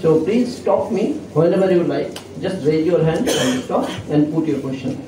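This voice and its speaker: A soft-spoken male chemistry professor with an Indian English accent gives a classroom lecture at raised pitch, expressive but halting, with frequent fillers and self-corrections. A fixed microphone captures him from a distance in an echoey, noisy hall.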